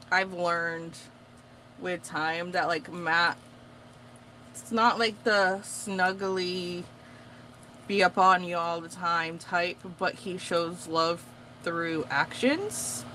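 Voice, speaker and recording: A young woman, a native Portuguese speaker, rambles chattily with plenty of fillers while crafting for her vlog. Her voice is fairly low, pushed and bright, and the poor audio carries a little hiss or hum.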